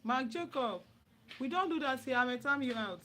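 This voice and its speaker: This relationship-advice livestream host from Anambra State, Nigeria, talks at a normal speed in a high-pitched, animated, fairly bright voice, with a little hiss or hum on the recording. Chatting casually from a dim room at home, she's direct and repeats her phrases to drive them home.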